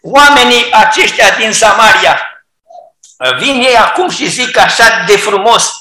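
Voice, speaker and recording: A preacher delivering an emphatic sermon, repeating phrases and swelling into fervent shouts. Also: mid-range voice. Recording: roomy hall echo.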